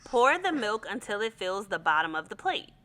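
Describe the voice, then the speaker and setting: A woman hosting an educational kids' demonstration, talking in an excited, encouraging way to a young child, with exclamations. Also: mid-range voice, moderate pace. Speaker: host of a family kids' science show. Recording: echoey room.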